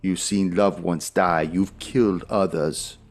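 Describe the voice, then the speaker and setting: A man playing a menacing cult zealot in a tabletop game, making slow, solemn, archaic pronouncements. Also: sits low, steady tone, soft background music. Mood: coaxing, ominous. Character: menacing cult zealot with eye patch, solemn, preaching release.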